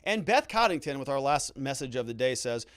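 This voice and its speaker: Fairly quick, bright, and very animated, this medium-pitched voice belongs to a middle-aged American livestream host and legal commentator. He reads his viewers' comments and adds wry, joking commentary in a conversational manner, with no echo.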